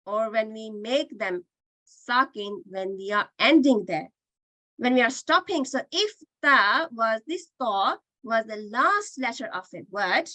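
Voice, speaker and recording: A woman leads an online Qur'an reading class, her voice high and bright. She is patient and keeps demonstrating each sound by repeating it, heard through a dry computer mic. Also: no echo, low-quality recording.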